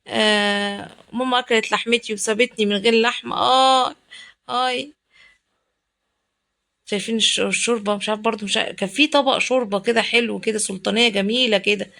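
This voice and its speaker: A woman's voice: on the high side, pushed and bright. A woman with an Egyptian accent narrating a casual home cooking vlog, chatty and exclamatory, talking straight to her viewers. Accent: Egyptian Arabic. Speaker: cooking vlogger. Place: home kitchen.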